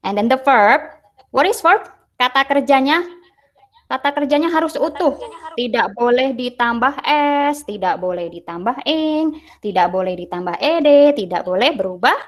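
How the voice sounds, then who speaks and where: A woman's voice: a little high, lively intonation, moderate pace. A woman teacher with an Indonesian accent giving an online English lesson, patiently translating each English phrase into Indonesian.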